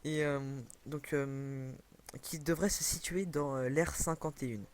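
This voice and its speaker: A man's voice: a little high, fairly even intonation, a little slow. A young man commenting casually on a video game over a headset, rambling with many fillers and self-corrections. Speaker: gaming commentator.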